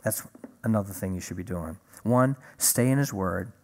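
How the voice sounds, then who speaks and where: A man preaching a sermon, telling a personal story in a lively way and acting out the conversations in it. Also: lowish voice, normal speed. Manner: animated storyteller, acts out dialogue.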